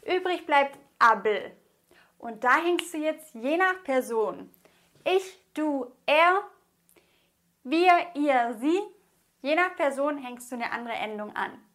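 A woman's voice: high voice, animated, takes it slowly, a bit bright. A woman teaching a grammar lesson in a patient, encouraging way, spelling things out and repeating. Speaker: language teacher.

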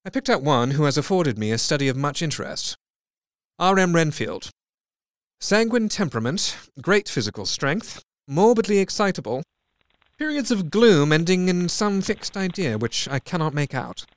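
A man's voice: a little high, very animated, normal speed, no room sound, clean studio sound. An actor playing a despondent, clinical Victorian doctor who dictates his diary in a brooding, precise way, in an audio drama. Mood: clinical, absorbed.

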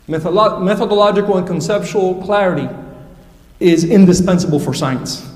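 A man giving formal, pointed remarks as a speaker in a debate, measured and academic in tone. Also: high voice, darkish tone. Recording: echoey hall, distant mic.

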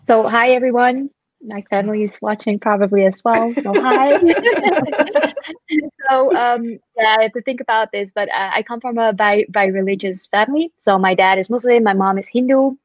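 A woman's voice: a little high, normal speed, no room sound, rough recording. A woman from the Netherlands introducing herself on an online panel, friendly and a little hesitant. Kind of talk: casual personal introduction on a panel.

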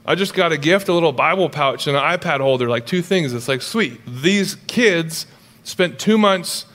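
A middle-aged male pastor preaching a sermon in a lively, conversational way with humorous asides. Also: a little high, normal speed, soft background music.

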